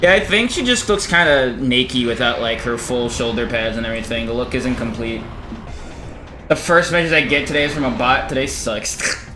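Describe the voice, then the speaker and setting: A man's voice: mid-range voice, normal speed, music in the background. A man giving casual, sweary and exclamatory commentary while streaming a video game.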